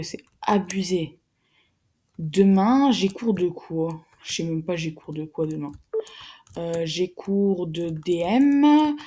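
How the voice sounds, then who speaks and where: A teenage girl, chatting casually to her viewers in a fast, rambling, slangy way with some swearing. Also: lowish voice, mellow. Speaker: vlogger, secondary school student. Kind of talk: casual chat to camera.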